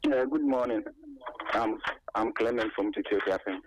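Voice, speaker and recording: A man's voice: fairly low pitch, moderate pace, background noise. A man calling in to a radio sports show over a clipped phone line, talking loosely with chuckles and plenty of fillers. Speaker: radio call-in caller. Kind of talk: call-in opinion on a sports show. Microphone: telephone.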